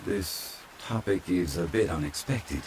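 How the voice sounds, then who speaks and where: In this soft fantasy-game ASMR roleplay, a deep, low-voiced man portrays an immortal gentleman of ancient age while rain falls steadily behind him. He speaks with calm courtesy and old-fashioned, formal, measured phrasing meant to relax the listener. There is a slight amount of background noise.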